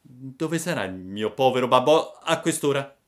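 A man reading a storybook, voicing a mischievous wooden puppet boy in a high, loud, excitable voice. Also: normal speed, close to an everyday voice. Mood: eager.

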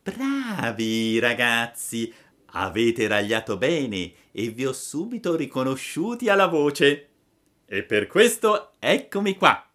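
A man voicing a sly little male cart driver who shouts and then turns falsely sweet with a snicker. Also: medium pitch, sing-song, slow pace, pitched above the performer's own voice. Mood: mocking.

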